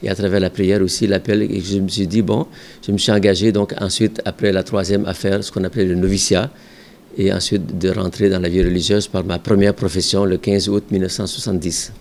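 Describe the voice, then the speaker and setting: An older man with a deep voice, a religious brother and school director from Ontario, Canada, answers interview questions from his office desk with a microphone in front. Calm, measured and reflective, he recalls his past with some hesitations, and the recording carries a little hiss or hum.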